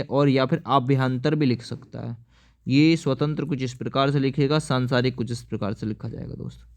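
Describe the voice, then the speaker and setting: Male teacher, clear rounded tone, mid pitch, walks students through exam questions and quizzes them. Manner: explains step by step, often asks viewers to answer. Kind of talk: exam-prep lesson.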